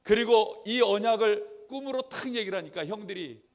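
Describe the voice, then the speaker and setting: A man preaching a sermon to young people in church, acting out quoted friends and swinging between loud emphatic lines and soft asides. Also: high voice, normal speed. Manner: acts out quoted friends in dialogue. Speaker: Sunday school preacher.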